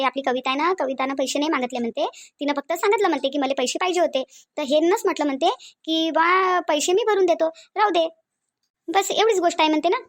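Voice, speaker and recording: A woman's voice: sits high, fairly bright tone. A woman voicing a pleading young Varhadi daughter-in-law. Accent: Varhadi Marathi. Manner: soothing, pleading. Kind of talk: cartoon voice acting.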